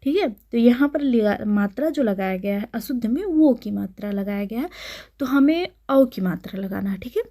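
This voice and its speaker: Young woman, teacher, spelling lesson, fairly high voice, slow drawn-out repeats, rhetorical questions. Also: expressive, warm tone. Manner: repeats each word slowly, asks and answers own questions. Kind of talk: exam-prep Hindi spelling lesson.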